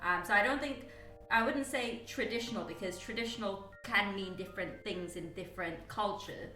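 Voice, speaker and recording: A woman's voice: medium pitch, normal speed, pushed and bright, reverberant, far from the mic, soft background music, low-quality recording. A young woman from Guyana and the UK chatting casually as a podcast host, rambling with lots of fillers and restarts. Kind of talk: casual chat.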